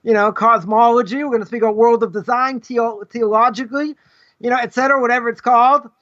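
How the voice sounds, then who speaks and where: Middle-aged rabbi man teaching live, super high bright voice, keeps saying right?, muffled lo-fi sound. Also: fairly even intonation, fast. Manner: rambling, tags nearly every point with "right?"; argumentative, rhetorical questions. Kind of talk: live conversational Torah lesson. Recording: dull lo-fi livestream audio.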